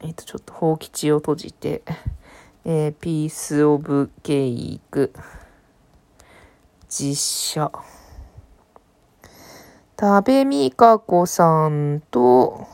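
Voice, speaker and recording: A woman's voice: deep voice, lively intonation, very slow, pauses often, darkish tone. A woman hosting a casual solo podcast, rambling about TV dramas with many fillers, thinking aloud. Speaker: podcast host.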